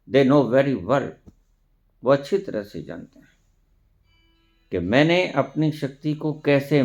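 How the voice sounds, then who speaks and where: A man giving a spiritual discourse, preaching emphatically with rhetorical questions and dropping in English phrases. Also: on the high side. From India. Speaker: spiritual teacher.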